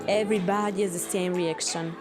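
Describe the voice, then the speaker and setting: A woman, narrating a travel vlog voice-over in an earnest, steady way. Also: on the low side, fairly quick. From Italy. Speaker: travel vlogger. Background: music.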